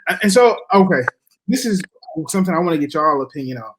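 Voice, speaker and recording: A male interviewer with a voice a little higher than most men's. He puts his questions casually, in loose, slangy phrasing, as in a relaxed fight interview. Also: fast talker, slight background noise, poor audio. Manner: informal slangy talk with colloquial y'all.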